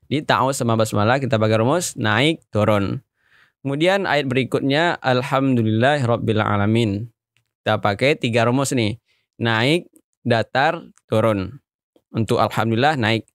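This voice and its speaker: A man explaining recitation melody in a relaxed, friendly tutorial way. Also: medium pitch, normal speed, no echo, studio quality. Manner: relaxed, plain, speaks to viewers as friends. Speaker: recitation teacher.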